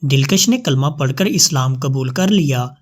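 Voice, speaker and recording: A man's voice: mid-range voice, animated. Man narrating a sorrowful love story. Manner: melodramatic, sorrowful.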